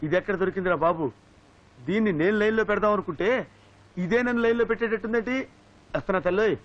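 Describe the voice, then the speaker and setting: A man's voice: high voice, racing, natural voice. An actor playing a cowardly, sly male servant in a slapstick film comedy, with a whiny, yelping, mocking way of talking. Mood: grumbling. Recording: dull lo-fi film audio with music.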